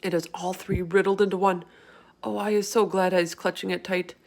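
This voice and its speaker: A woman acts out a kindly storybook giant with a folksy, ungrammatical way of talking. The giant is excitable and easily distressed, full of exclamations and whimsical invented words. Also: mid-range voice, a little fast, natural voice. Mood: exasperated, dire. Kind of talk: children's book character in a read-aloud.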